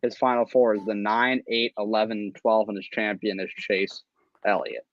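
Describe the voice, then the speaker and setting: A man's voice: fairly low pitch, fairly even intonation, highs cut off. A man hosting a casual racing podcast chat, teasing his co-hosts and joking around. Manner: joking, quick to tease. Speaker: podcast host.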